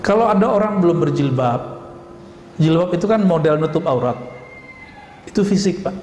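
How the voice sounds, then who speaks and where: A man preaching a lively sermon and asking the audience questions, now and then acting out scolding voices. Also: a little high, normal speed, slight background noise. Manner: animated, acts out scolding voices, laughs. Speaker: Islamic preacher. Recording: echoey hall recording with ambience.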